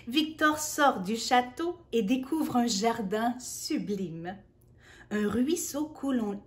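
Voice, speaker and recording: A woman reading a picture book aloud to a child, gentle and playful, dropping into soft whispered asides. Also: on the high side. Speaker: children's storyteller.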